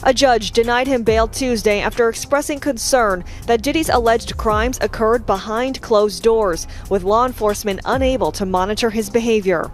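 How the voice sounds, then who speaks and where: A woman's voice: a little high, moderate pace, hardly any pauses, faint music behind. A woman reading a scripted report as a television news reporter.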